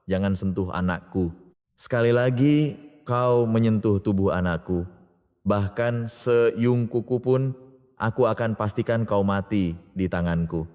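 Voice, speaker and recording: A man's voice: on the low side, moderate pace, darkish tone, lightly acted. A man voicing a cold, firm young husband and father protecting his family, in a storybook reading with long reverb.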